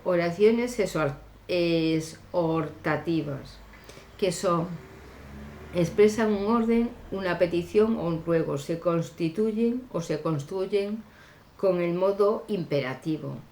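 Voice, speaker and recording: A woman teacher explaining grammar slowly and deliberately, pausing often with fillers. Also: fairly low pitch, darkish tone, roomy sound, a little hiss or hum. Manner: deliberate, hesitant with frequent fillers. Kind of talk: slow classroom grammar explanation.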